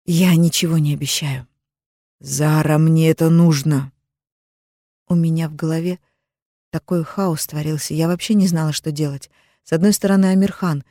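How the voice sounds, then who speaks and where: A woman reading a first-person audiobook in a soft, even, intimate manner. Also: low voice, moderate pace, no echo, studio quality. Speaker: audiobook narrator.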